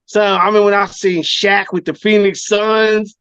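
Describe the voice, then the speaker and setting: A man's voice: sits high, flat delivery, unhurried, fairly bright tone, clean tone, no echo. A man co-hosting a podcast, trading loose, slangy sports banter and laughing often. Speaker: podcast co-host. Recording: dry, dull lo-fi podcast mic.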